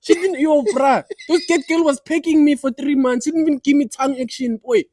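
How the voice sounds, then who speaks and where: A young man telling a comic story in casual, halting chat, getting heated. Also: very high-pitched, a little mellow, no room sound. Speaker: podcast guest and comedian.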